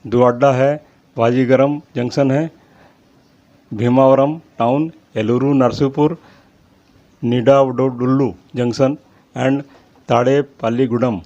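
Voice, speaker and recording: A man reads out long lists of names at a steady, deliberate pace, the way a host of his own channel does. His voice sits at an ordinary mid pitch, and he sounds apologetic about his pronunciation. The recording is a little dull and lo-fi. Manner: steady list-reading. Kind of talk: reading out a list of names. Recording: slightly dull lo-fi audio.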